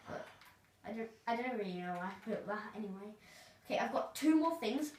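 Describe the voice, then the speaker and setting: A woman's voice: on the high side, animated, a little fast, darkish tone. A woman casually narrating a tour of her video game world, rambling and hesitant with lots of fillers. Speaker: gamer giving a tour of their world. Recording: roomy, distant mic, faint noise.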